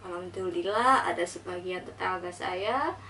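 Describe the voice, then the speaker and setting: A woman's voice: lowish voice, moderate pace, pushed and bright. A young woman, earnestly telling her personal story and acting out the conversations in it. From Indonesia. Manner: earnest, reflective retelling, acting out dialogue. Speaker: vlogger. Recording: slightly distant mic with faint noise.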